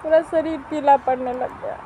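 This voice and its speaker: A middle-aged woman with a high but mellow voice talks to her viewers in a plaintive, complaining home vlog. She keeps going back over the same grievances. Faint street and vehicle noise sits behind her. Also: fairly even intonation, moderate pace, low-quality recording. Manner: plaintive, complaining, repeats herself. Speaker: vlogger. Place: at home by a wood stove, outdoors.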